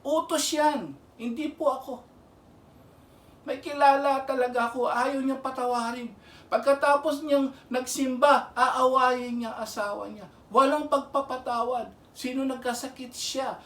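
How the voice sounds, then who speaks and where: A man's voice: extremely high pitch, fairly even intonation, a little slow, fairly bright tone. A man preaching a Bible lesson as a lay minister. He speaks earnestly, pleads again and again for listeners to pay attention, and mixes English phrases into his Filipino. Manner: earnest, pleading, repeats "pakinggan nyo". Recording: roomy and distant from the mic.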